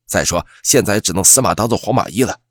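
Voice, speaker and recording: A man's voice: on the low side, fast talker, breathy edge, no room sound, studio quality. A man doing an earnest student roommate. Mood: ominous. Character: young male college roommate, earnest and superstitious.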